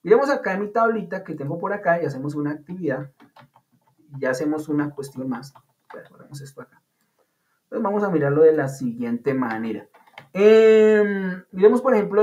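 A man's voice: high voice, sing-song, normal speed, pauses often, darkish tone. A man teaching an online English class, explaining patiently in a chatty way with playful comparisons. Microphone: video call. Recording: dull lo-fi online call audio.

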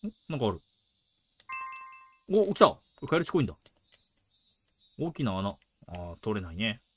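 A man's voice: fairly low pitch, very animated, normal speed, slight background noise. A man giving casual let's play commentary, muttering reactions and quips as he plays. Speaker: game streamer.

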